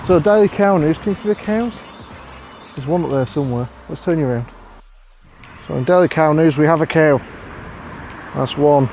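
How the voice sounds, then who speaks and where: An English vlogger in his thirties films himself on a phone while walking outdoors past fields, rambling bluntly and swearing, ranting with sarcastic put-on voices. His voice is on the high side and a little mellow, at normal speed with long pauses. Faint music plays behind him.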